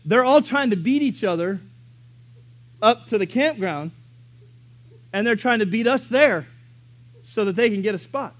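A man's voice: sits high, animated, unhurried, pauses often, fairly bright tone, voice pushed up. A man doing a stubborn, lecturing dad. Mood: matter-of-fact. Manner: matter-of-fact, lecturing. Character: calm, stubborn old-fashioned dad.

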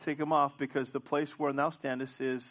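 A man's voice: mid-range voice, level tone, brisk, fairly bright tone. A male pastor preaching a sermon in a church, asking the congregation questions and often restarting his sentences. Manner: frequent restarts and repeated words. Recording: dull lo-fi church recording.

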